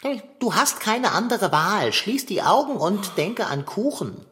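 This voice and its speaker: A woman voicing a bossy know-it-all male cat in a children's radio play, with a husky voice and a theatrical, commanding manner. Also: medium pitch, sing-song, unhurried, fairly bright tone, in a large hall, slight background noise. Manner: bossy, theatrical, ordering about.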